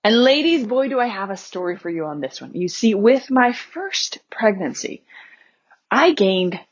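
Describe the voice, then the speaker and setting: A woman's voice: sing-song, measured pace. Candid woman podcast host, lo-fi sound. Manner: candid and conversational, laughing now and then, with a lot of pitch movement. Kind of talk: personal storytelling podcast.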